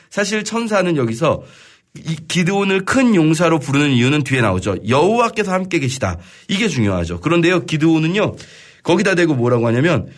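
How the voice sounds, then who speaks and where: Lively-voiced man teaching the Bible. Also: a little high. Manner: explains verse by verse, often pausing with "뭐랄까요"; reads scripture aloud, then paraphrases it conversationally. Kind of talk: radio Bible study lecture.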